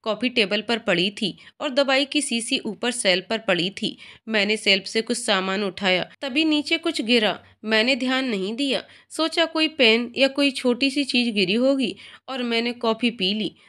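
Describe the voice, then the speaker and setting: A woman voicing a distressed, soft-spoken young woman who explains herself hesitantly in a read-aloud story. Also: on the high side, normal speed, few pauses, close to an everyday voice. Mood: subdued.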